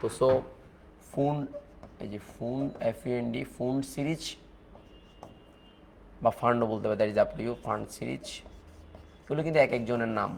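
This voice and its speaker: Fast-talking Bangladeshi chemistry teacher. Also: male voice, mid-range voice, gravelly, a little mellow, a little hiss or hum. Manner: fast, repetitive teaching talk with English mixed in. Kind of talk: lecture.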